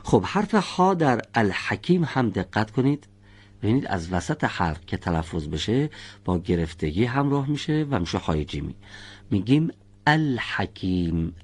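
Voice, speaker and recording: A man with a somewhat low voice leads a recitation class. He speaks patiently, stops to correct students, and carefully sounds out letters to show how they should be pronounced. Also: a little mellow, breathy edge. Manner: corrects pronunciation slowly, demonstrating sounds by example. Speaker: Quran recitation teacher.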